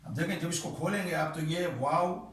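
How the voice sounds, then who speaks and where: A man's voice: on the high side, steady tone, fairly bright tone, recorded from a distance. Man teaching recitation rules in an echoey room. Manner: patient, repeats terms slowly, checks understanding with "ٹھیک ہے"; demonstrates by stretching vowels in chanted examples. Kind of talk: explaining recitation rules at a board.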